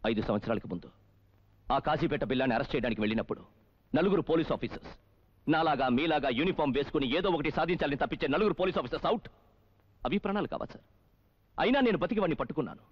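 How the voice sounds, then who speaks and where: A man's voice: a little high, very fast, pauses often, husky, lo-fi sound. An actor playing a defiant male police officer in a dubbed film, speaking with impassioned righteousness.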